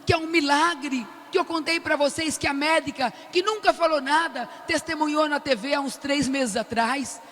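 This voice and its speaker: An older woman with a Brazilian accent giving an animated testimony at a prayer meeting, acting out the lines she quotes. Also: sits high, normal speed, few pauses, in a large hall. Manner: animated storyteller who loudly acts out the quoted lines. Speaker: prayer group speaker. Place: large cathedral.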